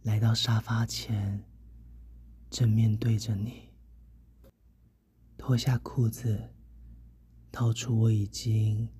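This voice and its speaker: A man with a Taiwanese Mandarin accent narrating softly and intimately in the second person, in whispered role-play. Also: on the low side, breathy edge. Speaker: adult audio narrator.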